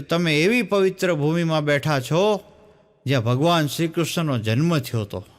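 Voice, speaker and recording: A male stand-up comedian, telling jokes as stories and acting out the dialogue. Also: fairly high pitch. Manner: storytelling, acts out the dialogue in his jokes. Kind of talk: Gujarati folk joke telling.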